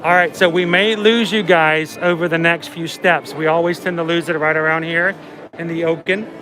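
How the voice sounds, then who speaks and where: High-voiced man with soft, w-like R sounds. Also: moderate pace. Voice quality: speech impediment on R sounds, says w for r. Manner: animated storytelling with acted-out quotes. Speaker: livestream host. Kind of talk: casual livestream chat at a theme park. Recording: background music and crowd noise in public space. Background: theme park music and crowd chatter.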